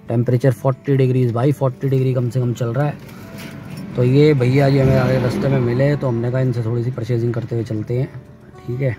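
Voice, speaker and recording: A middle-aged man from India narrating a casual travel vlog, chatty, talking to viewers as guys and brother while filming on a phone. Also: mid-range voice. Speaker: vlogger. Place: car on a hot highway and clinic. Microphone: phone camera held by the filmer. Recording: phone audio with outdoor noise.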